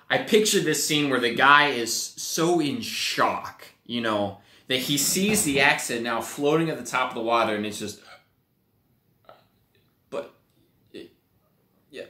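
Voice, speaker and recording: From a small home office, a young youth pastor from Wisconsin, USA, leads a children's Bible lesson in a crisp, bright, medium-pitched voice. He tells the story with animated energy, a little slowly and with long pauses, slipping into playful acted-out voices. His desk webcam picks up a roomy echo off the walls.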